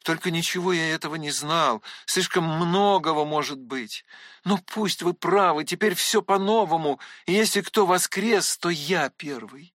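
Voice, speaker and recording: A man's voice: a little high, unhurried, a bit bright, no room sound, studio quality. A man narrating a classic novel in the first person, earnest and emotional. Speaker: audiobook narrator.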